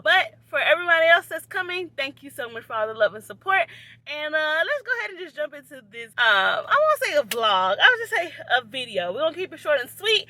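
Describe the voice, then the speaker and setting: A woman's voice: sits high, sharp tone, dry recording. A woman in her thirties giving a chatty, encouraging vlog talk from her parked car, speaking to viewers as y'all. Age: 30s. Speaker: vlogger. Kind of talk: casual encouraging talk to camera.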